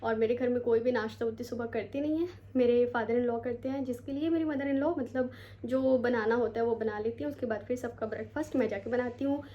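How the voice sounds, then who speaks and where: Chatty young woman vlogging, high voice. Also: dark tone, dull audio. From India. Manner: chatty, rambling, mixes English words into Hindi. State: tired, sore feet. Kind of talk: casual vlog chat to camera. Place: home, bedroom.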